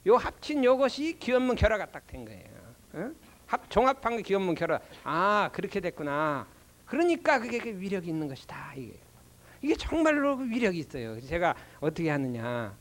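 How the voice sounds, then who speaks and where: Animated older man giving a doctrine lecture. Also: sits high. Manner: animated storytelling, rhetorical questions, frequent "어?"; slow chanting recitation of prayer. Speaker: Won Buddhist minister lecturing.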